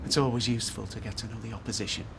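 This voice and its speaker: Brief: a defiant, smug rival, mid-pitched, noisy TV sound. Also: male voice, level tone, very fast, vocal fry. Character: stubborn, smug businessman in a rivalry. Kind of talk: television soap drama.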